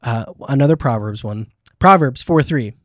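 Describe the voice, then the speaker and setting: A man's voice: mid-range voice, expressive, normal speed, dry recording, clean studio sound. A man hosting a casual faith podcast, talking emphatically with fillers and restarts. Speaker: podcast host.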